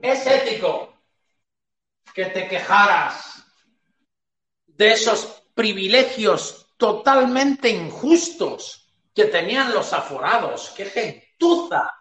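A man's voice: high voice, lively intonation, slow pace, sharp tone, echoey room. A man hosting a political commentary livestream, talking in a sarcastic, mocking way and addressing his target directly. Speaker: stream host.

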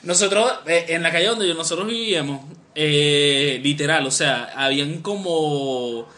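A young man co-hosting a podcast rambles through childhood stories in casual chat, full of fillers and restarts. His voice is a little high and a little slow, with a pushed, bright quality.

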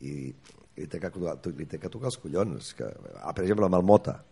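A comic actor, telling earthy, swear-filled anecdotes in a casual interview and acting out quotes. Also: male voice, low-pitched, expressive, fairly quick, vocal fry, dark tone, breathy edge.

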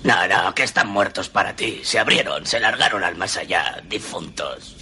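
Deep, hushed ghost. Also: male voice, lively intonation, moderate pace, slight background noise, heavily acted. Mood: gloomy. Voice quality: deep, whispery. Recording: movie clip with music behind.

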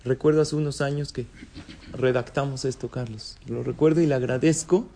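A man's voice: mid-range voice, steady tone, normal speed, creaky, mellow, slight background noise. A man teaching a casual religious class, asking students questions and joking with them. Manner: conversational, asks students questions and jokes. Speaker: Torah teacher.

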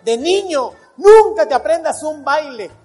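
A man's voice: very high voice, lively intonation, warm tone, faint music behind. A man with a Mexican accent doing adult stand-up comedy, telling crude stories full of swearing. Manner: crude, swearing, rapid storytelling.

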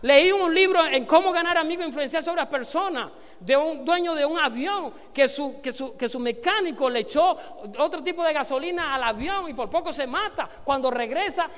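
A man's voice: very high voice, normal speed, few pauses, a bit bright, big-room sound. A man leading a motivational business seminar, preaching to the room and quizzing the audience to answer and repeat after him. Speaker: network marketing trainer speaking to an audience.

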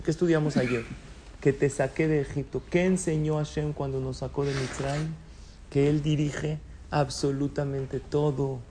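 A man's voice: a little high, warm tone, a little hiss or hum. A man leading a religious class, who poses questions to his listeners, answers them himself and slips in light jokes. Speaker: rabbi teaching a class. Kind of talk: Torah lesson in Spanish with Hebrew terms.

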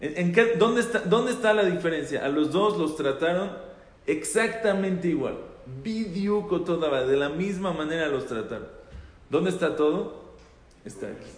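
A man's voice: on the high side, lively intonation, moderate pace. Man teaching in an echoey hall. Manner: conversational, repeats phrases for emphasis, asks listeners questions. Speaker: rabbi teaching a class. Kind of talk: informal Torah talk to a group. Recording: echoey hall with long reverb.

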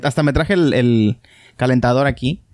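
A man's voice: mid-range voice, normal speed, a little mellow, no echo, clean studio sound. A man co-hosting a podcast, joking and laughing with the others. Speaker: podcast co-host. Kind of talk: casual podcast banter.

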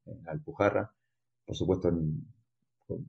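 A Spanish man from Granada, a mountain runner and mountaineer, telling his story in an interview with a Spanish accent tinged by Argentina, rambling with many restarts, his voice swinging between loud and quiet. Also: sits low, steady tone, unhurried, gravelly, lo-fi sound. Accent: Spanish from Granada with a slight Argentine mix. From Spain.

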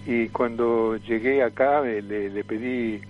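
In lo-fi audio with a little hiss or hum, a veteran comic and voice impressionist from Tucumán, in his seventies and with an Argentine accent, recalls his career for a radio interview. His mid-range voice keeps fairly even intonation at a slow pace. He hesitates often and repeats words and phrases.

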